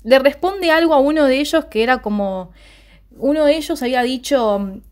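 Animated Argentine young woman, higher voice. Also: moderate pace. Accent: Rioplatense Argentine. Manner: animated storyteller, jumps high to act out quoted lines. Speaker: series recap co-host. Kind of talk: casual chat.

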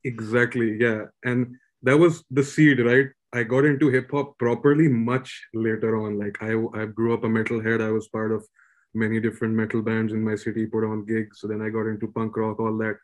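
A man in his thirties from Pakistan, a rapper calmly telling his story on a podcast, English not his first language. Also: lowish voice, moderate pace. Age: 30s. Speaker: rapper guest. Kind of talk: casual podcast chat.

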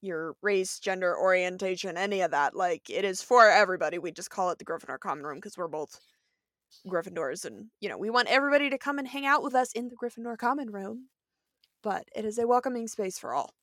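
Woman podcast co-host, relaxed and chatty, middle pitch, dry recording. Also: quick pace, dry recording. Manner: easygoing, chatty, lots of fillers. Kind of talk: casual chat.

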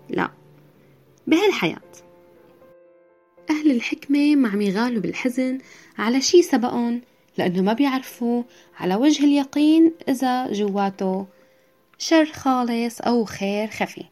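With music playing behind her, a woman with a Syrian accent narrates a folktale as a podcast storyteller in the classic once-upon-a-time style. Her voice is fairly high in pitch and mellow.

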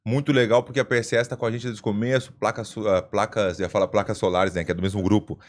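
A man hosting a podcast in casual chat, joking and laughing often with quick asides. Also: lowish voice, flat delivery. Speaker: podcast host.

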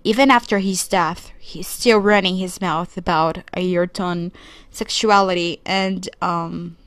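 Speaking English as a Portuguese native, this young podcast co-host from Brazil reflects earnestly on her own, taking her time and pausing to find the right words. Her voice sits in the mid range with a bit of brightness, and the close, dry recording has no echo or room sound at all.

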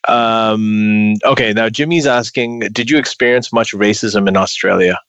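A man's voice: on the low side, fairly even intonation, normal speed, a bit bright, dry recording, muffled recording. A man hosting a podcast, reading out listener questions in casual chat, with a dry, facetious humor. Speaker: podcast host.

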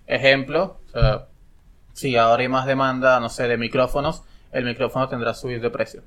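A man with a voice of middle pitch lays out an economic argument in a casual podcast debate. He explains patiently at first, then pushes harder and gets louder when challenged, with a lilt. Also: level tone, a little fast. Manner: explains insistently, grows loud when pressed. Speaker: podcast co-host.

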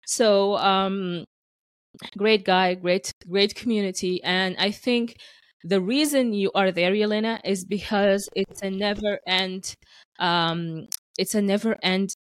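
A woman's voice: medium pitch, steady tone, takes it slowly, no room sound. A woman from Sudan chatting casually as the host of a podcast. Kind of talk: casual chat.

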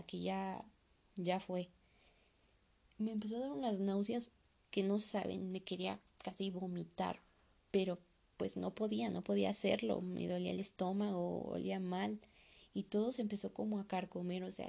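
Very creaky woman telling a tale. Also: mid-range voice, dark tone. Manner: loose conversational telling with frequent fillers. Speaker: storyteller. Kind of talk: casual first-person horror story.

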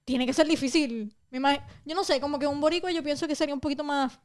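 A woman joining a casual conversation with quick, chatty remarks. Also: high-pitched, fairly even intonation. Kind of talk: casual chat.

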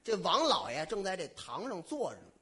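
A man playing the straight man in stage crosstalk comedy, firing back quick, exasperated retorts. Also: high-pitched, huge pitch swings, sharp tone.

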